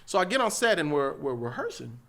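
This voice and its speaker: La guy on a podcast, fairly high voice, acts out every quote, gets loud and laughs a lot. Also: big pitch swings, fairly quick, gravelly, noisy background. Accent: Los Angeles. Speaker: podcast guest, actor. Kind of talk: animated storytelling.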